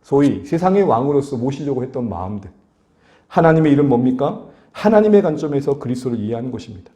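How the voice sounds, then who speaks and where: A male pastor preaching a sermon, asking the congregation questions and building to animated emphasis. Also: mid-range voice, quick pace, reverberant. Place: church sanctuary.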